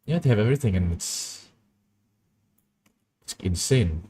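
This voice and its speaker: A man's voice: on the low side, expressive, a little slow, mellow, slight background noise. A young man chatting casually and rambling through stories while he works on an animation. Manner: rambling, anecdotal, easily amused. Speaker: animation streamer.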